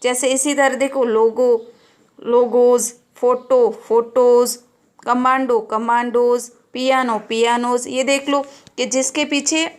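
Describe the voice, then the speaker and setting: A woman's voice: on the high side, fairly even intonation, slow pace, clear, resonant tone. A woman with a Rajasthani Hindi accent teaching a classroom grammar lesson, patiently asking questions and answering them herself. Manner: patient, asks and answers her own questions. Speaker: school teacher.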